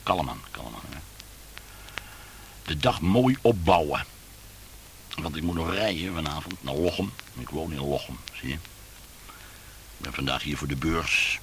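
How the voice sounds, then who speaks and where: A man's voice: extremely low pitch, lively intonation, a little slow, gravelly, pauses often, fairly bright tone, a little hiss or hum, full character voice, poor audio. A man doing a mumbling, thirsty fifty-year-old drifter. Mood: rambling. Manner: mumbling, wandering talk.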